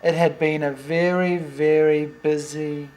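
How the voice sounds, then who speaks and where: A man's voice: fairly high pitch, steady tone, unhurried, darkish tone. An older man, playfully reading picture books to a toddler at home, with teasing questions and animal noises.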